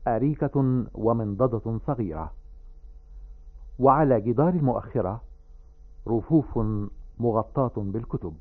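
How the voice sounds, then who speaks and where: A man reading stage directions in a measured, formal way for a radio drama. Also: mid-range voice, slightly rough. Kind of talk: scripted radio narration. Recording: tinny lo-fi old radio recording.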